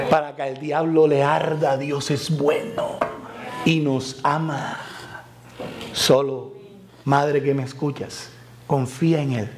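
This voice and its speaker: A man preaching a fervent sermon in a church, swinging from loud exclamations to soft, near-whispered appeals. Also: on the high side. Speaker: evangelist preacher.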